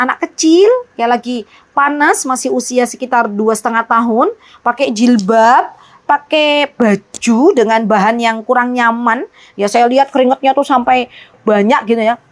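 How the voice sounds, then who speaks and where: A woman giving a religious talk on parenting as an Islamic teacher, telling stories with lively rhetorical questions to her audience and frequent pious exclamations. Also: on the high side. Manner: often exclaims religious phrases.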